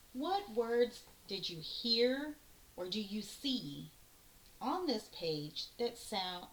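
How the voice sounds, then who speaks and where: A woman teacher walks young children through a phonics lesson, sounding out each word slowly and patiently. Her voice sits at a middling pitch and carries the echo of a hard-walled room. A faint hiss runs under the recording. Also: a bit bright. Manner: slow, patient, sounding out words letter by letter.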